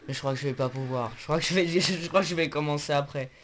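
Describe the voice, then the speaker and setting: A young man giving casual, joking let's play commentary, excitable and rambling, full of slang and fillers. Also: fairly high pitch, fast talker, slight background noise. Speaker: gaming YouTuber.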